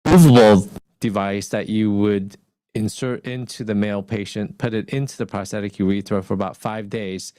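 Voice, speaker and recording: A man in casual technical chat as a urology co-host, pausing often with "uh", over a crackling microphone that cuts in and out. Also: fairly low pitch, fairly even intonation, dark tone, clean tone, no echo. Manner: halting, with many "uh" pauses. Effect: crackling microphone cutting in and out.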